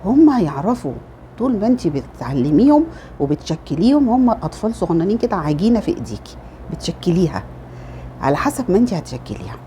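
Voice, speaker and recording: A middle-aged woman with an Egyptian Arabic accent talks quickly and chattily, handing out motherly advice to other women. Her voice is dark and mellow. A faint room ambience sits behind her. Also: on the low side, big pitch swings, slight background noise. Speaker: lifestyle vlogger. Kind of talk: casual advice talk.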